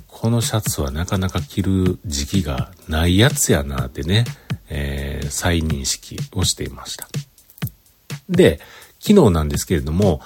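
A man's voice: low voice, a little mellow, slight background noise. A man with a Kyoto Kansai accent chats casually by himself as a show host, sounding congested with a blocked nose and talking as if holding his breath. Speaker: host of a recorded solo talk show. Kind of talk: casual chat monologue.

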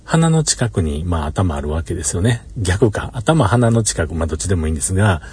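Easygoing Kansai man, mellow low voice; solo chat recorded in a parked car, chuckling as he rambles. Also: sing-song, brisk, breathy edge. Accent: Kansai Japanese. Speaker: solo podcaster. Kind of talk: casual monologue.

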